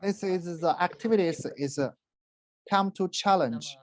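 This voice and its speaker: A university presenter giving a halting talk with frequent fillers and restarts, and interpreting for a guest. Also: mid-range voice, low-quality recording.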